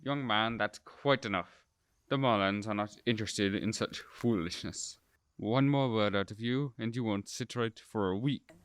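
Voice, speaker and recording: A man's voice: lowish voice, moderate pace, clear, resonant tone, no echo, close to an everyday voice. A man playing a stern, touchy Edwardian clergyman and father in an amateur period drama, pompous and formal. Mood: stern, scolding.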